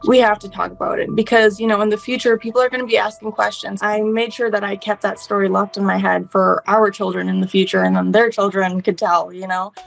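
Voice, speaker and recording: A young woman who grew up speaking Fiji Hindi talks casually and earnestly about her own life. Her voice has a noticeable creak, and music plays underneath. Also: medium pitch, flat delivery, brisk, few pauses, poor audio. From Fiji or Fijian diaspora family. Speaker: interviewee. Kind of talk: personal storytelling, casual talk.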